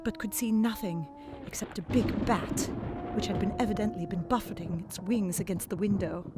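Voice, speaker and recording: A woman with a medium-pitched voice narrates a gothic novel in the first person, expressive and dramatic, sinking to a whisper in the hushed passages. There is background noise in the recording.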